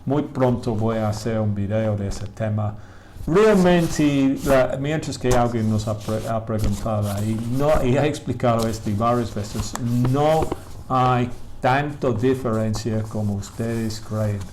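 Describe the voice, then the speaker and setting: Guy teaching online, slow careful delivery, switches between spanish and example lines. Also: medium pitch, a little mellow, a little hiss or hum. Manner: slow, careful model sentences in English, then explains in Spanish; answers student questions, praises students by name. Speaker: English teacher. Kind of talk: live online English lesson in Spanish.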